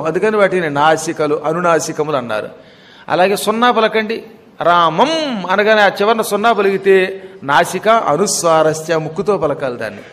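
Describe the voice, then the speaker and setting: A man giving a devotional discourse, teacherly and addressing listeners directly, slowly chanting verses and then explaining them. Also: high-pitched, a bit bright. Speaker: religious discourse speaker. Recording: long hall reverb.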